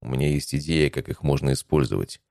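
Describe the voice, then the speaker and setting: Man, audiobook narrator, very deep voice, dry close sound, measured reading. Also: creaky, a little mellow, no room sound. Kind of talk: first-person audiobook narration.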